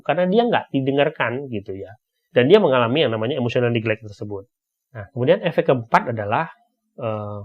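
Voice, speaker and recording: A man's voice: medium pitch, dull audio. A man giving a casual, conversational explanatory talk, often checking in with tag questions.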